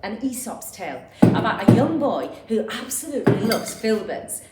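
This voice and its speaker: A woman's voice: fairly high pitch, sing-song, moderate pace, loud music behind the voice. A woman presenting a children's assembly sketch, chatty and patiently explaining a fable. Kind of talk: friendly storytelling to children. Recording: echoey room, faint noise.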